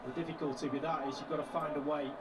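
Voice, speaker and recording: A man giving tactical analysis as co-commentator on a football broadcast, explaining the shape and space on the pitch. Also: flat delivery, fast talker. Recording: distant broadcast audio with loud noise.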